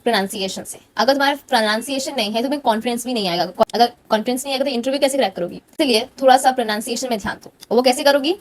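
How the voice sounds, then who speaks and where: A woman's voice: a little high, very fast, hardly any pauses. A young woman with a direct, encouraging manner, giving casual tips as a cabin crew interview coach. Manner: direct, encouraging, addresses viewer informally. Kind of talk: casual instructional talk.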